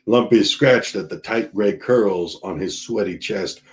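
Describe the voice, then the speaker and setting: Reading a novel on a live stream, a man with a husky, fairly low voice goes a little slowly, then slips into relaxed chat with viewers, laughing and using fillers between passages.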